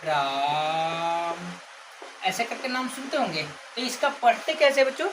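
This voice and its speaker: With a high-pitched, expressive voice and a brisk pace, a woman leads children through grammar, asking the class question after question. She stretches example words and called names as illustrations; the background ambience is noisy.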